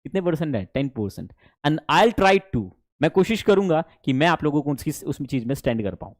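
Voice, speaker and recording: A young adult man with an Indian accent, teaching an online spoken English class in an animated way and mixing English phrases into Hindi. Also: a little high, normal speed, dry recording, clean studio sound.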